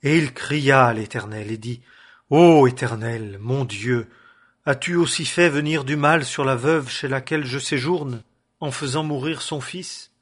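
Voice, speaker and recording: A man reading a Bible passage aloud in a measured, solemn way, raising his voice in the quoted speeches. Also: medium pitch, fairly bright tone, breathy edge. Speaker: Bible reader. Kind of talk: scripture reading.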